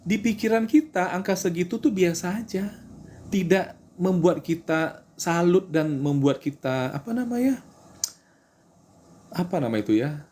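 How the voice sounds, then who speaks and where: A man's voice: sits high, expressive, measured pace, darkish tone, a little hiss or hum. A man giving casual religious life advice, chatty and repetitive, acting out prayers and answering viewer greetings. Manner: chatty, repeats himself, acts out prayers.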